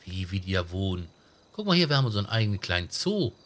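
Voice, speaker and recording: A man's voice: low-pitched, big pitch swings, fast talker, a bit bright. A man chatting in a game roleplay, joking and teasing bluntly. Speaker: streamer playing a roleplay character. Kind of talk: casual in-game roleplay chat.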